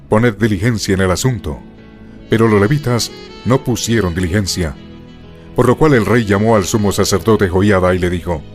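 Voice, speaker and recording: A man with a fairly low voice gives a solemn audio Bible reading. His delivery is measured and formal, as scripted scripture narration. Instrumental guitar music plays behind him.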